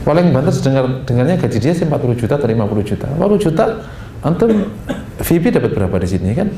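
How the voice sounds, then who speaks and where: A male preacher lecturing in a mosque hall, his tone conversational and full of asides. His pitch leaps and falls in lively waves as he stresses each point. The room is echoey, with a faint rumble underneath. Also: racing. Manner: animated, rising high for emphasis, chatty asides with laughs. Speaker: Islamic preacher. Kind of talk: religious study lecture.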